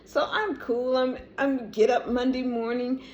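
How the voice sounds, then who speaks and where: Animated middle-aged woman telling a story. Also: sits high, a little slow, dull audio. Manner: animated, praising, laughs often. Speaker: vlogger sharing a testimony. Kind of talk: casual storytelling to camera.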